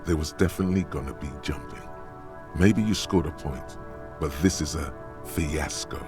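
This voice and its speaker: An actor playing an ominous inner voice of instinct in a video game, blunt and judging in manner. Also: male voice, rumbling low, moderate pace. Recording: music behind the voice.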